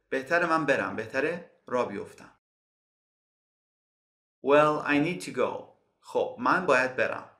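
A man from Iran teaching a bilingual English lesson. He says English phrases slowly and explains them quickly. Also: medium pitch, pushed and bright, reverberant.

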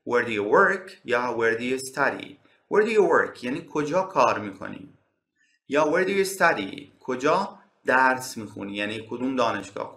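A man from Iran teaching an English lesson, saying example phrases slowly and clearly between quicker explanations. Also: medium pitch, pushed and bright, echoey room. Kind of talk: bilingual language lesson.

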